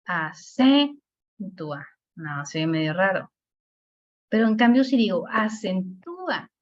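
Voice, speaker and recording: A woman with a Mexican accent teaching a spelling lesson, explaining patiently and drawing out words slowly to show the stress. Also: fairly low pitch, expressive, a little mellow. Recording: dull lo-fi recording.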